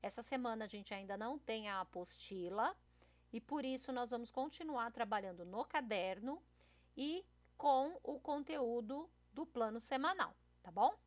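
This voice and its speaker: A woman's voice: fairly high pitch, expressive, normal speed, dry recording, rough recording. A woman teacher giving a recorded video lesson to children, patient and explaining step by step, often checking in with them. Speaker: primary school teacher.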